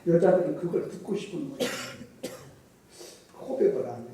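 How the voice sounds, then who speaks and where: Male pastor, middle-aged, joking storyteller, mellow voice, distant mic, roomy church echo. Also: a little high, lively intonation, moderate pace. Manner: folksy storytelling with jokes and dialect impressions. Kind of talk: sermon. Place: church sanctuary.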